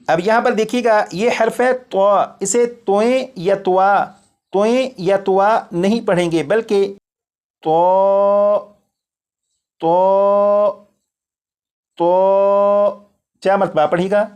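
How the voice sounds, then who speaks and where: A man teaching Quran recitation, explaining letters slowly and drawing out each sound for the student to repeat. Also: high voice, darkish tone. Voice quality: drawn-out chanted letter sounds in drills. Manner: patient, repeats each point, pauses for the student. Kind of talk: slow step-by-step lesson on letters.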